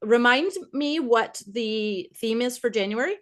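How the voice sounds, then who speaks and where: A woman's voice: a little high, animated, a little slow, a bit bright. A woman hosting a casual live-stream interview, encouraging and affirming her guest while thinking aloud. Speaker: host.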